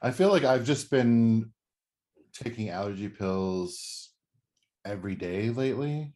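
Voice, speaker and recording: A man co-hosts a podcast in a relaxed, chatty way. His voice sits slightly low. He fills his talk with "like" and acts out his own thoughts as small quoted asides. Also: measured pace. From Pacific Northwest. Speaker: podcast co-host. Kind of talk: casual chat.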